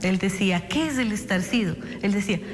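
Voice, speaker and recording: Woman interviewee, halting speech, long reverb around her, faint music. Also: mid-range voice. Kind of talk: interview soundbite.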